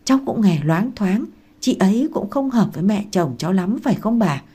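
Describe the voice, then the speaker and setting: A woman reading aloud and voicing a meek young pregnant daughter-in-law who asks softly and pleads. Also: mid-range voice, animated, a little fast, husky. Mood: pleading. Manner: soft, pleading, curious.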